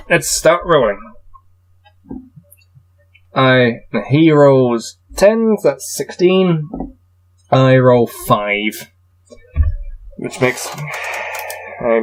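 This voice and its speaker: In a low-quality recording, a medium-pitched man plays through a gamebook casually, reading sections out loud and mocking himself with dry asides.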